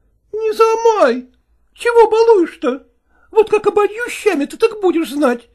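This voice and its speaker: A feisty young village cook, as a reader puts her on, her voice leaping very high and loud as she scolds the men. She snaps back in rough folk speech, shrill and quick to threaten. It is performed within a read-aloud story. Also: lively intonation. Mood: scolding. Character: young peasant woman cook, sharp-tongued and feisty. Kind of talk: dramatized story reading.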